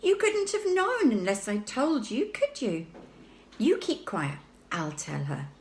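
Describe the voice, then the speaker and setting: A woman's voice: on the high side, wildly swooping pitch, slow, echoey room, a little hiss or hum, voice pushed up, exaggerated voice. A woman reading a children's book aloud, voicing a newborn baby boy who talks like a superior, matter-of-fact adult. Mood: smug.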